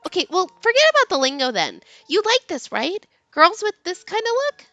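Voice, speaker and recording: Woman voicing a high, bright, lovestruck teenage girl. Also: huge pitch swings, brisk, dry recording, dull audio, soft background music, exaggerated voice. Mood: eager, showing off. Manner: gushing, dramatic, insistent. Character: boy-crazy, pushy, bubbly fifteen-year-old girl in love. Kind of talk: expressive character reading of game text.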